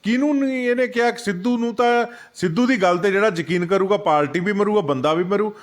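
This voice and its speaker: A man's voice: high voice, a little fast. Emphatic man. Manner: heated, emphatic, acts out what others say. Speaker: senior party leader, interviewee. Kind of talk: political interview.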